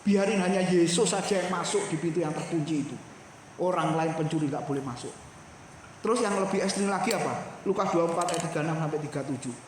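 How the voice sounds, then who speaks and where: A man preaching a sermon as pastor, animated, often addressing the congregation directly. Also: fairly high pitch, fast talker. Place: church hall. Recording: echoey church hall, faint noise.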